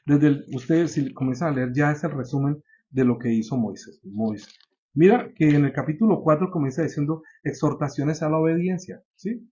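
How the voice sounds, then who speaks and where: A man preaching with a fairly high voice that keeps climbing to emphatic peaks, then drops low to draw the listener in. He often turns to his congregation with questions as he teaches. The sound is dull and lo-fi. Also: moderate pace, dark tone. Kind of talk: sermon.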